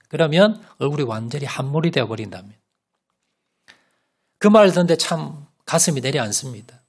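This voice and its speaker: A man preaching a sermon as pastor, telling a story with rhetorical questions and sudden loud rises and soft drops. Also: fairly high pitch, gravelly. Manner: asks the congregation rhetorical questions.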